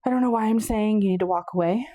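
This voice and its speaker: A woman's voice: mid-range voice, quick pace, warm tone, dry recording, studio quality. A woman giving a casual pick-a-card tarot reading, chatty and meandering, a little out of breath. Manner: chatty, meandering, self-correcting. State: slightly out of breath. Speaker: tarot reader.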